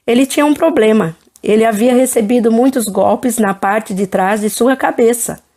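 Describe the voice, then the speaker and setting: Uma mulher de meia-idade, apresentadora, conversando com calma e em tom de aconselhamento numa entrevista cristã. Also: female voice, on the high side, moderate pace. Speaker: host.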